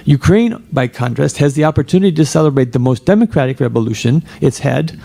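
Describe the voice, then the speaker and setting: A man's voice: fairly high pitch, animated, fast, gravelly, mellow. A man speaking as a scholar on a panel discussion, emphatic and argumentative, often restarting his sentences.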